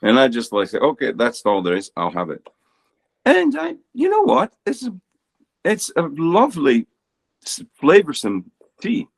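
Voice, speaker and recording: A man co-hosting a casual podcast, teasing his friend and giving relaxed, rambling explanations. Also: mid-range voice, breathy edge. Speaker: podcast co-host and teacher.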